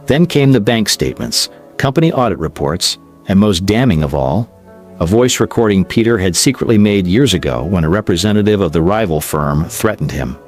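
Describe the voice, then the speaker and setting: Low expressive male narrator. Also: a little fast. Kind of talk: scripted story narration. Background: faint music.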